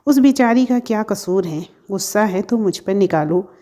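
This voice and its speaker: A cold, accusing young man, as a woman narrator puts him on in a storybook, blunt and dismissive, in a mellow, warm voice. He lectures without letting up. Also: mid-range voice, animated, moderate pace, natural voice. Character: young man confronting his ex-girlfriend.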